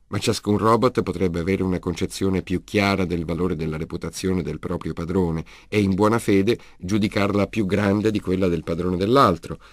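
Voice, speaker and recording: A man reads a humanoid robot in a storybook, deep and steady, courteous and logical, explaining things in measured sentences. The sound is close and dry with no room around it. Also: no room sound, close to an everyday voice. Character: calm humanoid male robot, polite and logical. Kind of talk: audiobook character reading.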